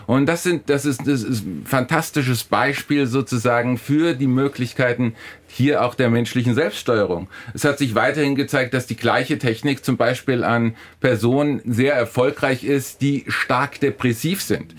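A man with a medium-pitched voice speaks at a moderate pace. He's a philosophy professor appearing as a guest in a discussion, explaining and arguing emphatically while often restarting and repeating phrases.

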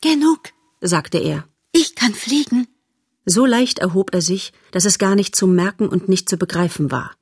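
Calm woman narrator for a storybook, husky voice, dry recording. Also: fairly low pitch, moderate pace, hardly any pauses, no echo. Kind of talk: storybook reading.

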